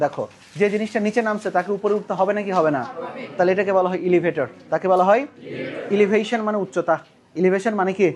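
A man's voice: high voice, darkish tone. A young man with a Bangladeshi Bengali accent teaching a biology class, repeating key terms, quizzing his students and laughing now and then. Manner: often laughs while explaining. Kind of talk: lively classroom lecture.

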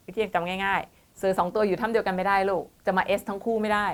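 A woman's voice: medium pitch, steady tone, fast. Woman tutor giving an online lesson, patient, explains each step, calls students "child". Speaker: IELTS teacher.

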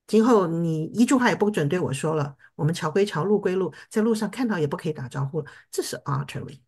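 A woman teaching an English lesson in a low, husky voice. She explains words patiently and keeps checking that her students follow along. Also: animated, fast talker, a little mellow. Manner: patient, checks understanding with repeated questions. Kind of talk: classroom teaching in Mandarin.

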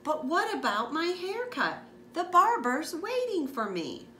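A woman's voice: very high voice, unhurried, voice pushed up, heavily acted. A woman voicing an eager, pleading young boy in a storybook. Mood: excited. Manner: excitable, pleading. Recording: echoey room with background noise.

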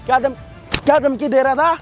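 Young guy yelling threats nonstop, high voice, bit of music underneath. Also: steady tone, fairly quick, muffled recording. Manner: aggressive, repetitive interrogation. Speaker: confronting vigilante. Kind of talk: staged confrontation video.

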